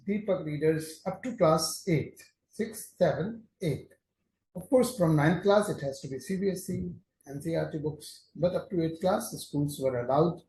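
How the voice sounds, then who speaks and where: Recalling his years as a teacher, this older native Hindi or Urdu speaker talks in Indian-accented English with a warm voice on the high side. He explains things in a measured way but often restarts. A desk camera films him mid-shot in an indoor office, where the room echoes and a faint hiss runs underneath.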